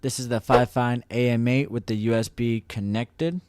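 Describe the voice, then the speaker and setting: A man giving a relaxed, step-by-step review of a streaming microphone at his desk, speaking about three inches from a dynamic mic. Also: medium pitch, normal speed, smooth, dry recording. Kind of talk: casual product review. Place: desk streaming setup, indoors. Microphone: studio dynamic mic about three inches away.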